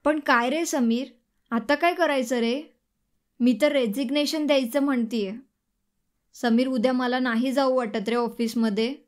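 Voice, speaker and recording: A woman's voice: sits high, unhurried. A woman voicing a shaken young wife in an audiobook, upset and pleading. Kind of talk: audiobook dialogue reading.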